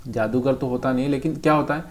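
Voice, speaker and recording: A man's voice: mid-range voice, steady tone, fast talker. A man teaches trading over a chart in a casual, direct way, calling the viewer brother. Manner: talks straight to the viewer, calls them brother.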